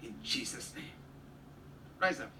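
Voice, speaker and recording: A man's voice: unhurried, pushed and bright. Commanding preacher man in an echoey hall. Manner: commanding, short repeated commands; non-standard English grammar. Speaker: pastor. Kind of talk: prophetic healing ministration. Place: large church hall. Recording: echoey hall, distant mic, faint noise.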